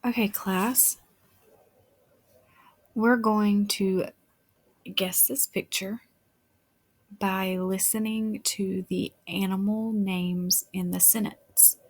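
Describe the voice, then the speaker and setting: A woman's voice: mid-range voice, steady tone, very slow, long pauses. A woman teacher giving a phonics lesson to young children as if reading to a toddler, with simple patient questions, repeated words, sounded-out letters and encouragement. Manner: encouraging praise. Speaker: early-years teacher.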